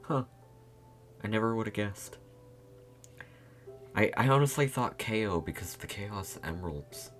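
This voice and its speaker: A man's voice: fairly low pitch, lively intonation, unhurried, pauses often, fairly bright tone, faint music behind. A male streamer rambling through a game playthrough, laughing often as he talks. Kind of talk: casual game playthrough commentary.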